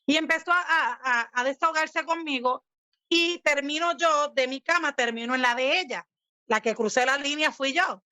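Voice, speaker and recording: A Puerto Rican woman giving a personal testimony, telling her story with animated energy and acting out quoted lines. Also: sits high, normal speed, dry recording. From Puerto Rico. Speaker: guest sharing her testimony. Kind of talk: personal testimony in casual talk.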